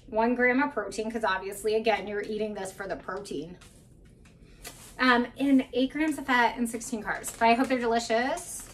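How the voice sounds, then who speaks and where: A woman's voice: on the high side, moderate pace, a bit bright, far from the mic, a little hiss or hum. A woman in her thirties chatting casually and candidly through her groceries in a home kitchen. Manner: chatty, candid, self-deprecating asides. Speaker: vlogger. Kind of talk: casual grocery haul chat. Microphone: camera mic at a few feet.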